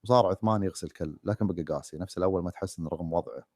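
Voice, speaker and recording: A man narrating a sad story in a rapid, even reading. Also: deep voice, no echo, clean studio sound.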